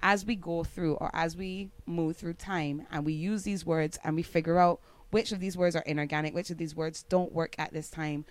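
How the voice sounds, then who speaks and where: A woman from Barbados with a Barbadian accent, a podcast guest explaining at length in casual conversation, often laughing and getting animated. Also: deep voice, normal speed, no echo.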